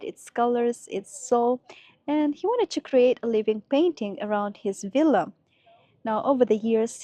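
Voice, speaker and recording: With a slight cold throwing her voice off a little, a woman casually explains things to viewers in travel vlog narration. Her voice is a little high but dark in tone, with no room sound.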